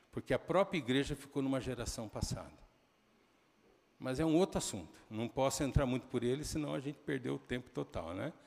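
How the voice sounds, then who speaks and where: A middle-aged man with a Brazilian accent preaching a sermon in a church, telling stories conversationally with quick asides to the congregation. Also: mid-range voice, darkish tone. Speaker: pastor. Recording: long hall reverb.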